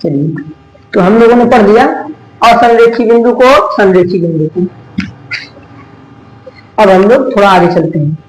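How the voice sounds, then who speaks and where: Male math teacher, very high voice, quizzing the class and answering himself, echoey classroom. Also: darkish tone. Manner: asks questions then answers them, drawn-out key words. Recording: echoey room.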